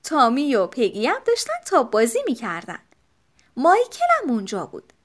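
A woman narrating a children's storybook with expressive, animated storytelling. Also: a little high. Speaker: audiobook narrator.

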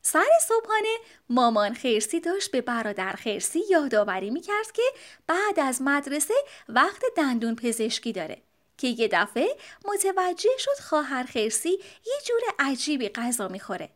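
An expressive, high-voiced woman reading a children's storybook aloud. Her pitch moves a lot, keeping the narration gently animated. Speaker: audiobook narrator.

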